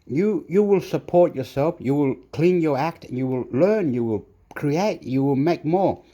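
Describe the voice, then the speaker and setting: A man's voice: on the high side, expressive, a little slow, dark tone, muffled recording. A man from southern Chile with a Chilean accent, chatting loosely through a home cooking vlog, rambling and mixing English with Spanish. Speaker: cooking vlogger. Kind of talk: casual cooking vlog with pep talk. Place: home kitchen.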